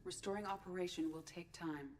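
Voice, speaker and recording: Ship's AI female actor, video game, measured and clinical, lowish, heard from a distance. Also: steady tone, slight background noise, close to an everyday voice. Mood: calm, clinical. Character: calm female ship's artificial intelligence. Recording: distant game audio with faint music.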